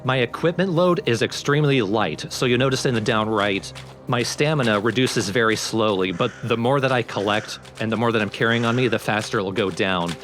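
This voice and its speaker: A man of medium pitch and fairly bright tone gives brisk, informal let's play commentary, explaining the game one step at a time. The game's music runs underneath.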